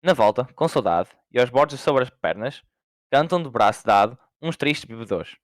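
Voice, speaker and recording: Teenage boy, steady poem reading, mid-pitched. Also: moderate pace, no room sound. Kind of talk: school poetry reading.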